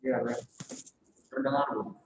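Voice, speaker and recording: A man's voice: medium pitch, level tone, a little slow. A man moderating an online webinar in a polite, deferential way, over an echoey, muffled call. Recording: echoey, muffled, distant, faintly noisy call.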